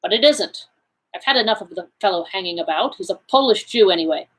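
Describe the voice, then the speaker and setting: Woman doing an upset pleading english husband, strained, husky voice. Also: medium pitch, expressive, fast, a bit bright, low-quality recording.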